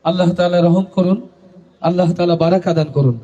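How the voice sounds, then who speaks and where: A man with a high voice addresses a large religious gathering through a stage microphone. He leads call-and-response, pushes the crowd to answer louder, and climbs into shouted chants. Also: steady tone, fast, dull audio. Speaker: gazal singer leading a religious gathering. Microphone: stage microphone through a public address system.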